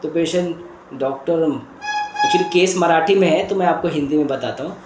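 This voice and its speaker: A man's voice: on the high side, fairly quick, roomy sound, over music. A man, a doctor, explaining a patient case as a lecture and checking in with his listeners as he goes.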